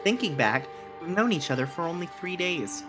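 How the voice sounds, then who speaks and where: A man's voice: on the high side, animated, moderate pace. A man reading a visual novel game aloud as dramatic narration, with casual asides. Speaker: amateur voice reader of a visual novel. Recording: music behind the voice.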